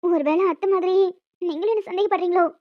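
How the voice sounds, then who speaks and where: A woman's voice: very high voice, fast talker. A woman voicing a clingy young village wife who pleads and sulks in an audio romance drama. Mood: pleading. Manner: emotional, pleading, chatty. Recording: dull dry lo-fi recording.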